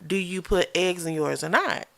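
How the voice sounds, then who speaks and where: A woman's voice: lowish voice, moderate pace, creaky, fairly bright tone, no echo. A woman chatting casually as a podcast co-host, telling stories in a colloquial, playfully teasing way. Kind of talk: casual chat.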